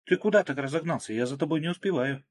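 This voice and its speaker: A man reading aloud, voicing a young woman in a raised, breathy voice. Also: fairly high pitch, quick pace, voice pushed up, natural voice. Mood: coaxing. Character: young woman, playful then frightened.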